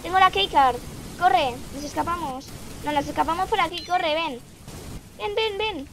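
A high-pitched woman, reacting loudly as she plays a game and talking to the friends she plays with. Her speech is unhurried between the sudden shrieks. A steady hiss like rain runs behind her voice. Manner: excitable, shrieks and laughs while playing. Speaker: gaming streamer. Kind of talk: casual gameplay commentary.

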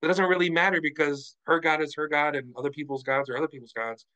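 Bright-voiced man on a video call. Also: fairly high pitch, fast, rough recording. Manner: animated, frank, lots of fillers. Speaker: book club member. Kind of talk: casual group discussion.

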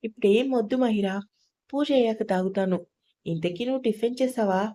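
A woman reading an audio story, voicing a kindly middle-aged mother-in-law who talks softly and affectionately and gently scolds. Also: mid-range voice, brisk, natural voice. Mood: fond.

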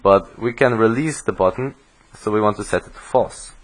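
Young man, low voice, coding tutorial narration, steady explaining, self-correcting. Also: normal speed, low-quality recording. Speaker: programming instructor.

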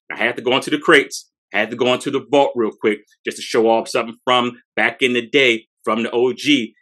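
A forties-aged sneaker podcast co-host, medium-pitched and fairly bright in tone, talks up a shoe he owns. His casual showcase in a small room is hyped and slangy, with phrases repeated often, and a fixed camera records him from close range.

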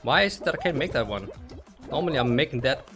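A man's voice: medium pitch, expressive, quick pace, over music. A man hosting a gaming session, chatting casually, laughing often and trash-talking other players. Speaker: gaming channel host.

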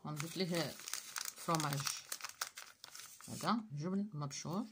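A woman's voice: low voice, measured pace, background noise. A woman with a Moroccan Arabic accent talks viewers through a recipe step by step in short phrases while she works. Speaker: cooking channel host. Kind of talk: step-by-step cooking demonstration.

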